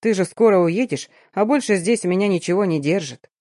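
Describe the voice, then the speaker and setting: A woman voicing a confident, teasing young man in an audiobook, lowering her voice and drawing out the words. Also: lively intonation, a little fast, warm tone, no room sound, clean studio sound, lightly acted. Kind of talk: audiobook reading.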